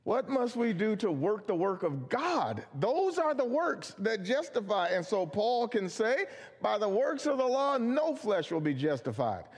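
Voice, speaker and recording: A man's voice: high voice, big pitch swings, measured pace. A man preaching a Bible study sermon, earnest and emphatic, asking questions and answering them himself. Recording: long hall reverb.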